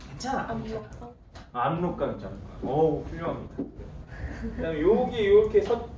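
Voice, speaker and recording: A man's voice: on the high side, big pitch swings, a little fast, highs cut off. A man teaching history to a class, putting questions to the students and answering them himself in a playful, teasing way. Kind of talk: classroom lecture. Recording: roomy classroom from far off, faint noise.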